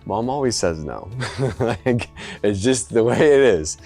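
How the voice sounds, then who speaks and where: A man's voice: on the low side, animated, measured pace, warm tone, faint music behind. Chatty, emphatic man coaching business owners. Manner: conversational and emphatic, jokey asides. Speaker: adult day care business coach. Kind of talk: casual advice talk to camera.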